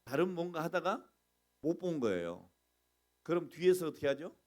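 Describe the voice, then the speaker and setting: A middle-aged man preaching a sermon as pastor, animated, asking the congregation questions and acting out complaints. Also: on the high side, moderate pace.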